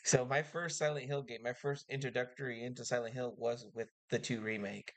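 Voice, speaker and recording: A tired man co-hosts a casual gaming podcast late at night, yawning now and then. He is easygoing and often answers with short agreeing words. His voice sits at an ordinary middle pitch. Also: fairly even intonation, brisk. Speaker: podcast co-host. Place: new home recording spot.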